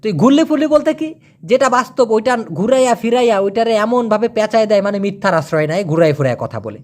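A man teaching a casual language lesson, chatty and joking, stretching out example words slowly. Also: sits high, expressive, darkish tone.

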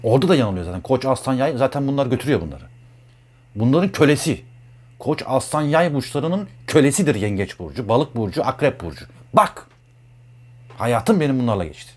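A man's voice: on the high side, a little mellow. A man talking as an astrologer in a blunt, heated monologue, repeating himself a lot. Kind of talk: casual monologue.

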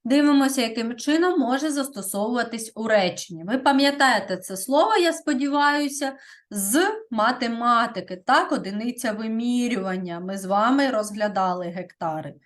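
A woman teaching a primary school grammar lesson, speaking deliberately and often checking in with "так?". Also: a little high, animated.

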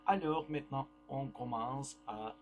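A man whose first language is Turkish teaches young pupils a French grammar lesson in a medium-pitched voice. He speaks slowly, repeats words, and checks their understanding with "d'accord?", while music and mains hum play behind him.

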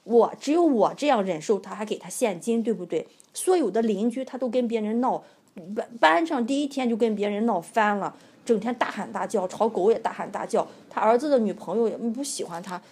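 A woman's voice: a little high, a little fast, husky. Indignant woman ranting in a vlog. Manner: indignant, animated complaining. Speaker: vlogger. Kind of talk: casual storytelling rant.

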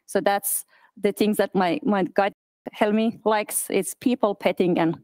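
A woman in her thirties who grew up in Iran gives a conference talk at an event, pausing often with fillers and restarting her sentences. Her voice is smooth and clear, with a middle pitch. The sound is dry. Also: steady tone, a little mellow, no echo. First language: Persian. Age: 30s. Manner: halting, many fillers and restarts. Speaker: accessibility specialist speaker. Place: office event space.

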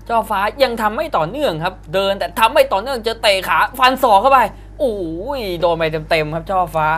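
A man with a high, somewhat bright voice gives exclamatory live Muay Thai commentary, reacting to every strike. It's a broadcast with arena crowd noise behind him and faint fight-arena ambience.

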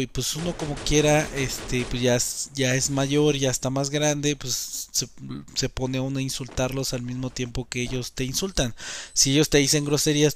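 A man's voice: medium pitch, a little hiss or hum. A young man ranting in a casual vlog, indignant and rambling with many filler words. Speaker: gaming youtuber.

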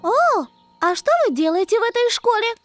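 A woman voicing a sweet little fairy princess girl with a drawn-out childlike delivery in a children's cartoon. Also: extremely high pitch, lively intonation, music in the background. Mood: curious.

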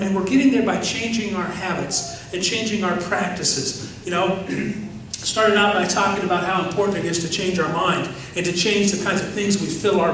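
A middle-aged man preaching a sermon as pastor, animated and questioning his congregation. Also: high-pitched, slight background noise. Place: large church sanctuary. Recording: very echoey sanctuary, distant mic.

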